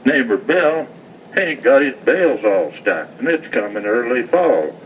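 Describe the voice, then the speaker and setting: A man's voice: medium pitch, sing-song, measured pace. A middle-aged man with a rural American West accent and a folksy cowboy drawl, reciting cowboy poetry live. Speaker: cowboy poet, rancher. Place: festival stage, live event. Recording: distant mic, muffled, noisy event sound.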